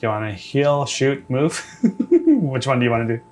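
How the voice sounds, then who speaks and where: A man's voice: medium pitch, normal speed. Man running a casual tabletop game. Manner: relaxed, hesitant, laughs easily. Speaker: dungeon master.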